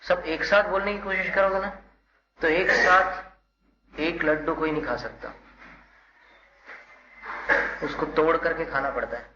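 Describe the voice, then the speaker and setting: Male monk teacher, instructive and patient, leads chanting; dull lo-fi audio, loud noise behind. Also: fairly high pitch, fairly even intonation, normal speed, echoey room. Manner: patient, instructive, stresses syllables. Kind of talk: leading call-and-response verse chanting, correcting pronunciation.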